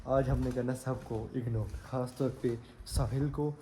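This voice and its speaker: A man's voice: mid-range voice, fairly even intonation, background noise. A man hosting his vlog in a chatty, upbeat way, talking straight to his viewers while walking outdoors at night. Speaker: vlogger and channel host. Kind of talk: casual vlog chat.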